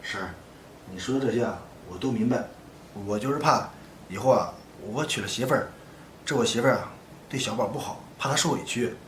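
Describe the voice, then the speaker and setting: A man acting out a kind, earnest young man in a web drama, his mid-pitched voice ringing through an echoey room. Loud background noise sits under his words, and he leans on fillers as he talks. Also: fairly quick, natural voice. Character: kind-hearted young man raising a foundling. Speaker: single father.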